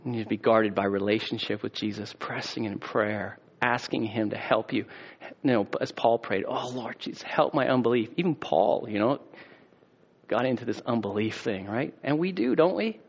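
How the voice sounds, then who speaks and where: A man's voice: mid-range voice, moderate pace, breathy edge, muffled recording. A man preaching a sermon as a pastor, casual and conversational, with rhetorical questions and a closing prayer.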